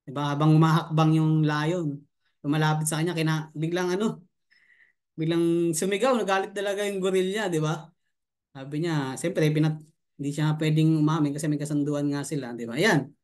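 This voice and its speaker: A male marketing coach tells a story on a live stream. He is chatty and breaks into laughter often. His voice sits notably high. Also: steady tone, moderate pace, a little mellow.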